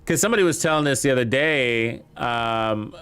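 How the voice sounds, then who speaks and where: A gameplay streamer with a medium-pitched, smooth and fairly bright voice talks at normal speed while playing a shooter. His commentary is casual, chatty and upbeat, aimed at his viewers.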